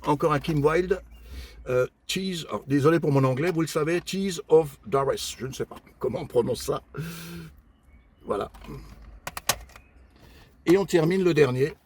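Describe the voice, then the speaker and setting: An older man talks through his flea-market finds in a relaxed vlog, naming each item in turn with frequent pauses and fillers. His voice sits a little higher than usual for a man. Faint background noise runs under him. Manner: warm and chatty toward his viewers. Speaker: flea-market collector vlogger. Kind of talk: casual show-and-tell vlog.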